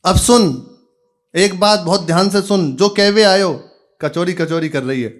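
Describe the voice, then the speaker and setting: A man voicing an exasperated young cowherd son with a Braj accent, repeating words loudly so a deaf mother can hear. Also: high voice, voice pushed up. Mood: exasperated pleading. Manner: shouting slowly to be heard, repeating words.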